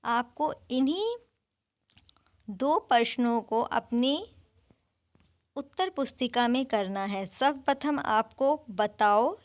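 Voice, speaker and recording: A woman teaching a primary school class online, drilling words slowly one at a time. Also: fairly high pitch.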